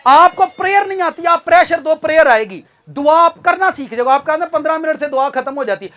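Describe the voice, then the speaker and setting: A male preacher with a strikingly high voice for a man. He exhorts his congregation with fervour, driving each point home with strong emphasis. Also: lively intonation, brisk, sharp tone. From Pakistan. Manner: fervent, exhorting, switches into acted quotes of others. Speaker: pastor. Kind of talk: sermon.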